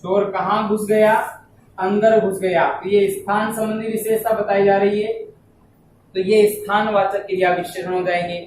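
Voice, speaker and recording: A man teaching a classroom lesson, speaking slowly and repeating words and phrases so students can write them down. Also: sits high, little pitch movement, roomy sound, recorded from a distance, slight background noise, low-quality recording. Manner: keeps saying "ab dhyan dena" to draw attention. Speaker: Hindi grammar teacher.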